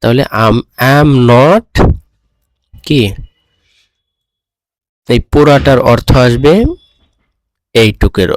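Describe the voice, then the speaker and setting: A man's voice: mid-range voice, drawn-out words, long pauses, dry recording. A man teaching a beginner language lesson, patiently explaining words and checking that students follow. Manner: patient, repeats and checks understanding.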